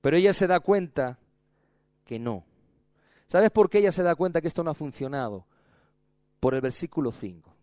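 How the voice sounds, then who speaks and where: A man's voice: fairly high pitch, lively intonation, moderate pace, long pauses, mellow, no room sound, studio quality. A man preaching a sermon with emphatic, repetitive, dramatic delivery.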